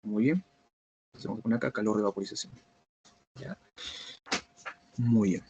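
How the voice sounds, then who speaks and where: A man teaching a biochemistry review class online, who keeps checking whether students follow by asking if everything is clear. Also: on the low side, moderate pace, mellow, dull audio. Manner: repetitive, checks understanding with "¿está bien?" and "¿cierto?".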